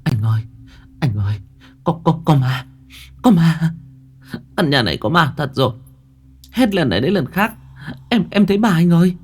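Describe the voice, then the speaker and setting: A man voicing a frightened, indignant young wife, going shrill and stammering when scared. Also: lively intonation, normal speed, pauses often, a little mellow, husky. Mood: terrified.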